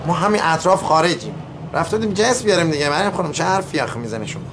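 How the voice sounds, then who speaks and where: A glib, evasive middle-aged merchant. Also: male voice, on the high side, very animated, a bit bright, a little hiss or hum. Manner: rambling, persuasive, talks down to her. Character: smooth-talking evasive male merchant, placating and glib. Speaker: shopkeeper and trader.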